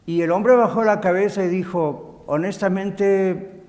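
A male pastor with a high-pitched voice delivers an impassioned sermon. He drops to hushed asides, then surges into loud, emphatic declarations. His voice rings with the long reverb of a church hall. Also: normal speed.

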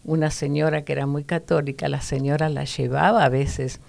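A middle-aged woman with a deep voice and vocal fry speaks at normal speed, offering a personal childhood story in a casual interview. She's an animated teller who voices both her younger self and her sister.

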